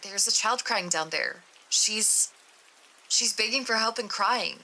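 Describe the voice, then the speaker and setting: A woman's voice: medium pitch, slow pace, sharp tone, a little hiss or hum, voice pushed up, full character voice, rough recording. Woman doing a scared young test subject. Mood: uneasy. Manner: nervous, exclaiming, grossed out.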